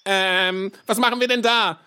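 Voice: medium pitch, fairly even intonation, unhurried, sharp tone, smooth. A performer voicing a cheerful little rapping creature in a children's show, talking in bubbly, youthful slang. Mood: eager. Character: cheerful little creature who raps, friendly helper.

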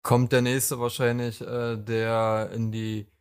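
A man's voice: medium pitch, flat delivery, slow, smooth. A man co-hosting a casual podcast, explaining points in a know-it-all way. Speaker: podcast co-host.

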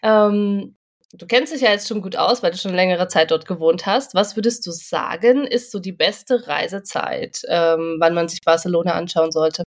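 A woman's voice: on the low side, fairly even intonation, normal speed. A woman hosting a podcast, asking curious follow-up questions in a casual chat. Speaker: podcast host.

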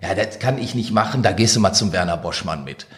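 A man from Germany's Ruhr region, an author co-hosting a podcast, chats colloquially and somewhat hesitantly. His voice is low-pitched and fairly quick.

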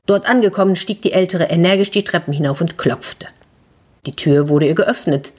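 Husky woman reading a fairy tale to children. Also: lowish voice, moderate pace. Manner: lively, expressive narration that drops to whispers. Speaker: children's storyteller and podcast host.

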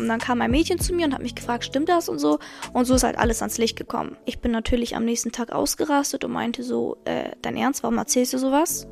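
A young woman with a high, gravelly voice hosts a podcast, candidly telling a personal story and giving her listeners blunt, direct advice.

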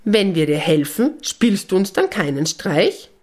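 A woman's voice: mid-range voice, very animated, unhurried, a little mellow. Woman voicing a cheerful little elf girl. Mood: bright. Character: kind little female Christmas elf.

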